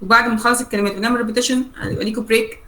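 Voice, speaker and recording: A woman with an Egyptian Arabic accent teaching English vocabulary in a classroom lecture. She spells out English slowly, explains in quick Arabic asides and keeps checking with the class. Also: fairly high pitch, steady tone, bright, forceful tone, a little hiss or hum, rough recording. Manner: switches between Arabic and English, slow dictated English and rapid Arabic asides; checks on the class with frequent "okay?" and "right?".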